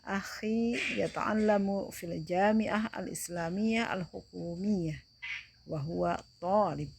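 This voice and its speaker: A woman's voice: medium pitch, takes it slowly, creaky, noisy background. A woman teacher voicing a schoolboy answering questions about his family, reading a textbook dialogue aloud.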